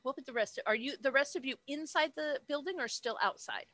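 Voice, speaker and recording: A woman's voice: sits high, a little fast, bright, forceful tone, no room sound. A woman game master narrating a tabletop game over a headset on a video call.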